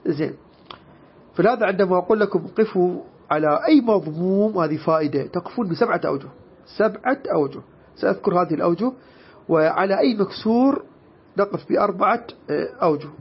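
A man teaching Quran recitation rules, slowly drawing out each example word and then correcting it, with many pauses to hesitate. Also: high-pitched, lively intonation, breathy edge, dull audio. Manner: many hesitation sounds between points. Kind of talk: tajwid lesson with recited examples.

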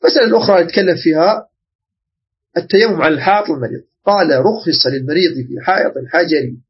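Teaching religious jurisprudence, a man from Iraq speaking with an Iraqi Arabic accent often stops to check his listeners' understanding as he explains. He is on the high side and husky, heard through a muffled recording.

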